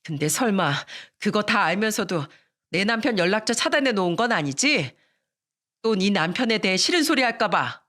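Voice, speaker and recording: A furious older sister, as the woman narrator plays herself, blunt and scolding with a forceful edge. She dresses people down in harsh, informal speech. It is a storytelling radio performance. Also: mid-range voice, sing-song, moderate pace.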